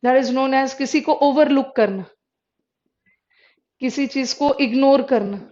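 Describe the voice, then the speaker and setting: A high-pitched woman teaches English words in a live online class. She mixes Hindi and English, says each word more than once, and keeps asking her students to respond. The recording is dull and lo-fi. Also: takes it slowly, a little mellow. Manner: explains in mixed Hindi and English, repeats words, checks with students. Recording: dull lo-fi sound.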